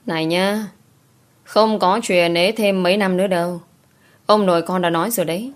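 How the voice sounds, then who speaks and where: Lady reading as a stern middle-aged mom, firm and scolding, lowish voice. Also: steady tone, normal speed, natural voice.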